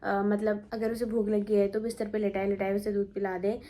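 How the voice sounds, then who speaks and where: A woman's voice: medium pitch, level tone, brisk, mellow. A young woman chatting casually for her home vlog, rambling and repeating herself as she talks. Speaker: family vlogger. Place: at home indoors.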